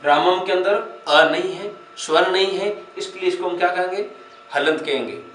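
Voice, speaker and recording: A man's voice: sits high, moderate pace, fairly bright tone, slight background noise. Echoey, repetitive Hindi-speaking male teacher. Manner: explains step by step, repeats key phrases and asks rhetorical questions. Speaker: Sanskrit teacher. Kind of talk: exam-prep lecture. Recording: echoey room, mic at a distance.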